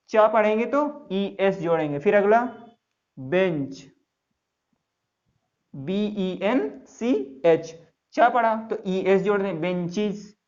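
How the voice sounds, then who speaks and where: Slow-spoken Indian man teaching English. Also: high voice. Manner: spells words letter by letter and quizzes students. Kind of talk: classroom lesson. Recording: dull lo-fi sound.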